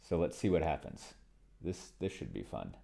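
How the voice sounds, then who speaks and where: Extremely low and dark, this man's voice has vocal fry and a sing-song lilt at normal speed. Playing a tabletop game solo on stream, he shares his screen and rambles casually, muttering to himself and reading aloud text and whatever he types.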